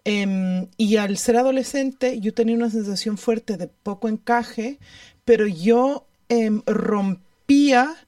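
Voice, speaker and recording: A woman from Ecuador speaks in a thoughtful, hesitant way, pausing on filler sounds. Her voice is mellow and warm at an ordinary pitch. She is recorded dry, from a little way off the microphone. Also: dry recording. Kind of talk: casual conversation. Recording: voice from a distance off the mic.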